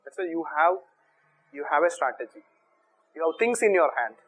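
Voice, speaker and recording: High-pitched Indian-accented man teaching. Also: very animated, moderate pace, vocal fry, fairly bright tone, slightly rough, rough recording. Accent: Indian English. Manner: emphatic, repetitive, with rhetorical questions and check words. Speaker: exam coaching teacher. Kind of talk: coaching lecture to students.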